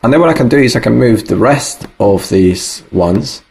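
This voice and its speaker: A man's voice: mid-range voice, lively intonation, normal speed, gravelly, darkish tone, a little hiss or hum. A man talking through a music production tutorial in a loose, thinking-aloud way, with plenty of fillers. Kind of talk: casual screen-recorded tutorial.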